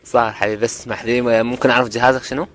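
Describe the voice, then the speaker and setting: A man's voice: medium pitch, flat delivery, very fast, a bit bright. A man with an Iraqi accent working as a phone customer service agent, polite, patient and a little hesitant. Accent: Iraqi Arabic.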